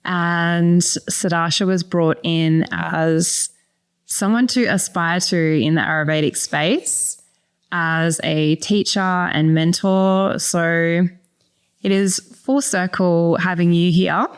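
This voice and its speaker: A woman hosting a podcast, who introduces her guest and asks questions in a gentle, reflective way. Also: fairly low pitch, steady tone, slow pace, clean tone. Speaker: podcast host. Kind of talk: soft-spoken podcast interviewing.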